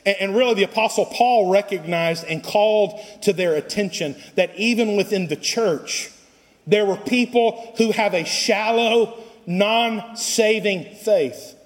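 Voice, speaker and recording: Long sanctuary reverb surrounds this passionate sermon from a Costa Rican pastor, whose delivery shifts from slow, low-voiced lines to loud cries.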